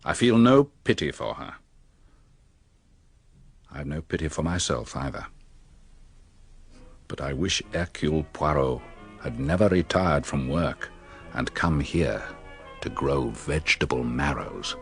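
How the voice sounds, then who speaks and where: An actor playing a cornered country doctor in a radio drama, cynical and coolly resigned, with a dry, sardonic, husky delivery. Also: male voice, a bass voice, lively intonation, measured pace, long pauses, faint music behind, exaggerated voice. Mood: resigned, bitter. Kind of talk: radio drama acting and narration.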